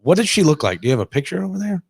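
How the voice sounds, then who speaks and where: A man's voice: on the high side, very fast, creaky, husky, dry recording, studio quality. A man co-hosting a podcast with joking, quippy, casual banter. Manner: joking, animated, reacts with quips. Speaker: podcast co-host.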